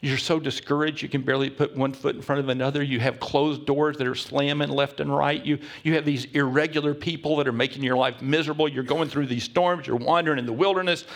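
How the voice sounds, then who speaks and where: A male pastor delivering a sermon, telling a story with emphatic repetition and sometimes dropping to a hushed whisper. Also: mid-range voice, fairly even intonation, quick pace, few pauses.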